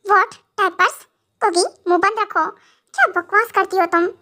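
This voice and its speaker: A woman's voice: very high-pitched, normal speed, bright, forceful tone. A young woman voicing a caring, flustered young husband in an amateur audio drama, fussing with anxious repeated questions. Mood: embarrassed.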